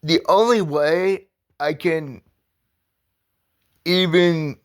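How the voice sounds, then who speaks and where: A man talking casually on his own vlog, halting and rambling with many restarts, earnest and heartfelt. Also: a little high, smooth. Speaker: vlogger. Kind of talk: casual personal vlog talk.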